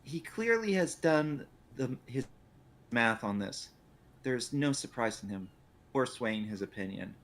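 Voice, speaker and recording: A man's voice: medium pitch, animated, a little slow, a bit bright. A man casually co-streaming a video game, commenting and reading lines aloud.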